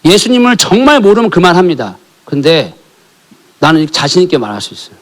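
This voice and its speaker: A male pastor stands in the church sanctuary delivering a sermon built around a family story, with questions aimed at his listeners. He speaks in a high, very animated voice at a brisk clip, climbing to emphatic calls before falling to near-whispers.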